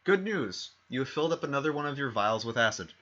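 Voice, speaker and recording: Over a dull lo-fi stream mic, a man game-masters a tabletop game in a medium-pitched, expressive, sharp voice at a quick pace. He rambles, corrects himself, and fills gaps with fillers and restarts.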